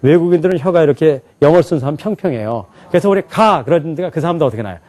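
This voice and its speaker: A man teaching a class in a lively lecture style, often asking the students questions and laughing along. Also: a little high, rapid-fire. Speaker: English teacher at an alternative school.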